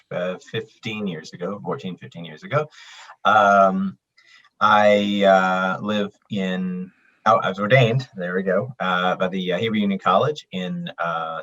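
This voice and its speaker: Deep, bright-toned, hesitant man on dull audio. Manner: hesitant, many ums and uhs. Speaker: rabbi, co-host. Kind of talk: casual podcast self-introduction.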